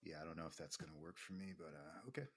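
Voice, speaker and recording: A man's voice: extremely low pitch, animated, fast talker, breathy edge. A man in his forties co-hosting a podcast, chatting casually in a laid-back, slangy, self-deprecating way. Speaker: podcast co-host. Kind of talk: casual chat.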